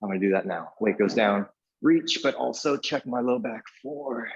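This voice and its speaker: A man's voice: fairly low pitch, normal speed, muffled recording, a little hiss or hum. A man coaching a live workout in an echoey indoor room, giving short cues and counting reps as he exercises along. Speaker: fitness coach leading a workout class.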